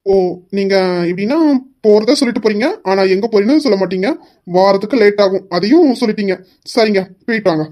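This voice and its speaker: A stubborn young husband, voiced by a woman in a homemade audio drama, teasing his wife in a mock-sweet, pleading tone. The delivery is fast, with a voice at an ordinary middle pitch. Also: dark tone, natural voice.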